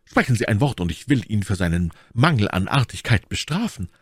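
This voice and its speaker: A man's voice: on the low side, sing-song, fairly quick, husky, no echo, clean studio sound. A man reading an audiobook, voicing a bold, hot-headed young Gascon musketeer with brash, emphatic delivery. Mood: bold challenge.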